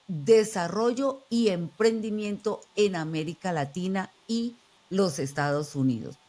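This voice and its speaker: A woman hosting a podcast interview, introducing her guest in a measured, emphatic way. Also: fairly low pitch, a little mellow. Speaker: podcast host.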